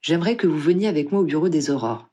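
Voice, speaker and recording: A reader voicing a polite but firm young male wizard detective in a husky voice. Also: medium pitch, lively intonation, fast talker, mellow, close to an everyday voice.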